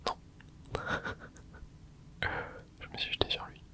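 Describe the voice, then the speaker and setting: Speaking slowly in a soft whisper, a man running an ASMR gaming channel comments casually to himself mid-game. His talk is full of gamer slang.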